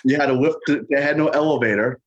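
A man's voice: mid-range voice, fast, no room sound, highs cut off. A middle-aged man with a New York accent, chatting casually as an interview guest in a streetwise, sweary way. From New York, Brooklyn family, raised on Long Island. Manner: profane, streetwise, peppered with "you know" and "man". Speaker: guest, metal musician.

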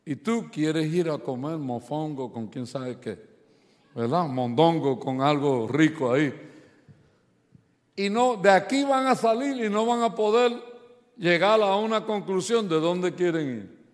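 A man preaching a sermon, telling funny stories about his family and acting out the voices in them, and building to loud, forceful preaching. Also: fairly high pitch, unhurried. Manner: animated storytelling, acts out quoted voices, rises to loud preaching. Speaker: pastor. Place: church sanctuary. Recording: long hall reverb.

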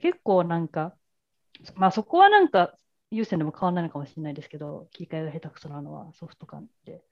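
A woman's voice: sits low, expressive, quick pace, darkish tone. A woman co-hosting a podcast in casual tech chat, candid and chatty about her small worries. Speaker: podcast co-host. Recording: muffled, dry close mic.

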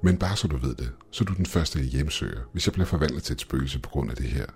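A man voicing a frightened young woman who shouts and pleads, with his voice pushed higher. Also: lively intonation, breathy edge, exaggerated voice. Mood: wry. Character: frightened young woman, panicky and sharp-tongued.

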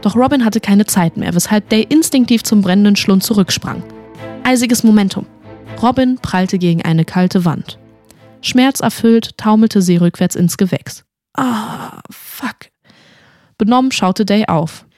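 A woman narrating a fantasy story in an expressive audiobook reading. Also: medium pitch, moderate pace, faint music behind.

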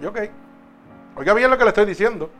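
Emphatic male preacher with a high voice, faint guitar underneath. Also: animated, fast talker. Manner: emphatic, swings between loud and soft. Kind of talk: sermon.

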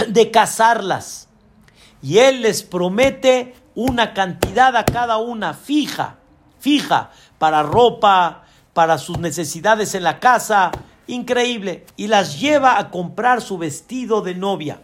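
A man's voice: high voice, lively intonation, slow. A man, a rabbi telling a dramatic story in a sermon and voicing the women in it.

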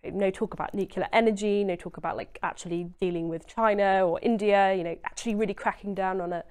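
A woman's voice: medium pitch, fairly even intonation, fast, darkish tone, clear, resonant tone. A woman, speaking earnestly and emphatically as a guest in a conversational interview, often saying "you know". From Essex, England. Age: 20s.

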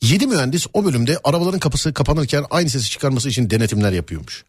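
Animated man hosting a casual show. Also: mid-range voice, quick pace, a little hiss or hum. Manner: animated, jokey storytelling. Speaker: host. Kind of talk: casual chat.

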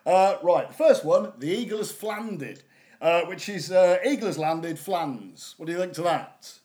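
A man plays a cheeky female mature student with a slightly high, very lively voice that leaps around. She teases in a dry, deadpan way, constantly needling her teacher in this improvised comedy sketch. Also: unhurried. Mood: cheeky, sarcastic. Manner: deadpan, teasing, ends lines with a name.

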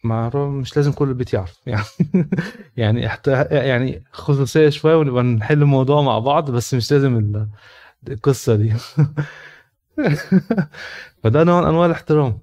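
Egyptian guy talking fast about family and faith, lots of um and restarting sentences. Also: medium pitch, darkish tone. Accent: Egyptian Arabic. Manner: hesitant, many fillers and restarts. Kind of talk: casual spontaneous talk.

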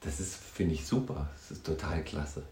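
A man who works as a counselor and music therapist, talking in a thoughtful, halting way with many tag questions. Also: rumbling low, mellow, roomy sound. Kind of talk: reflective conversational talk.

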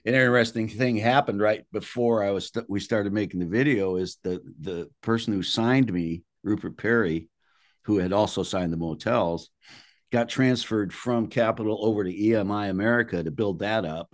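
Here an older man with a deep voice tells anecdotes the way an interviewed musician might, casual, colloquial, blunt and salty. He talks at a normal speed, and the clean studio recording has no room sound at all.

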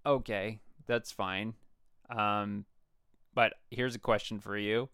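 A man's voice: fairly low pitch, flat delivery, slow pace, fairly bright tone, clear, resonant tone, dry recording, clean studio sound. A man voicing a smug, scheming teenage son who argues back in an improvised comedy sketch. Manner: smug, argumentative, talks back.

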